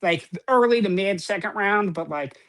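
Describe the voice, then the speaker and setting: A man's voice: high-pitched, normal speed, a bit bright. A man co-hosting a podcast, talking sports in a rambling, casual way, full of "um" and "like" and casual swearing. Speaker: podcast co-host.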